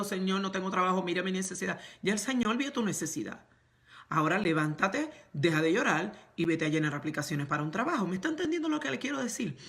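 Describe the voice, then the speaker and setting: Gravelly-voiced woman preaching. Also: medium pitch, a bit bright. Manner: repetitive, emphatic preaching, slipping in English words. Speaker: pastor. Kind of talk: sermon. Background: congregation setting, speaking to women.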